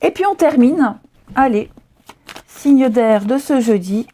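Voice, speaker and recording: A woman's voice: a little high, slow, dark tone. Chatty French-speaking woman reading tarot. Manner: chatty, reassuring, many fillers and restarts. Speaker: tarot reader. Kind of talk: casual tarot reading to camera.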